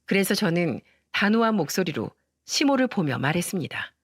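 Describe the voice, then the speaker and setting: A woman narrating a first-person story in a steady, confiding way. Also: lowish voice, moderate pace, dry recording, studio quality.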